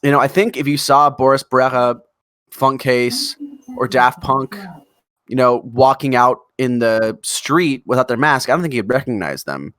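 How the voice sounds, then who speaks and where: Casual co-host: guy, mid-pitched, chatty and excitable, close dry mic. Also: moderate pace, dry recording. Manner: enthusiastic, rambling, swears casually. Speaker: podcast co-host. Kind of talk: casual chat.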